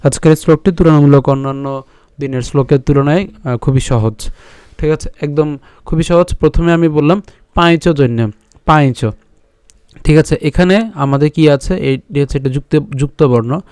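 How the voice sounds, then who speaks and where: A man teaching a scripture class, slowly breaking verses into syllables and chanting them, often pausing to ask and answer his own questions. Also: fairly high pitch, steady tone, dark tone, clean tone, no echo, studio quality. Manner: repeats "ঠিক আছে" and asks himself questions. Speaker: Gita teacher. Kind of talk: recitation lesson on Sanskrit pronunciation.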